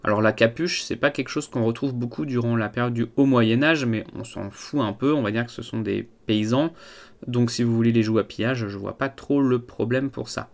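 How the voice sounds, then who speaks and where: A man's voice: mid-range voice, fairly quick, gravelly. Hesitant French man reviewing miniatures. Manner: hesitant, many fillers and restarts. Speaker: wargaming hobby reviewer. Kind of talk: casual unboxing review.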